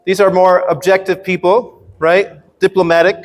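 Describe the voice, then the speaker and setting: A man's voice: sits high, little pitch movement, normal speed. A man teaching English in a casual, playful workshop style, often checking in with his students as he explains. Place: large reverberant room at a university workshop. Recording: echoey hall with long reverb.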